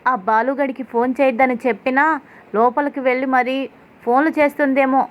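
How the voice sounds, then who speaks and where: A woman's voice: sits high, steady tone, moderate pace, lightly acted. Harsh scolding young husband, as a woman reads him. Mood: angry. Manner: shouting, scolding, rough insults.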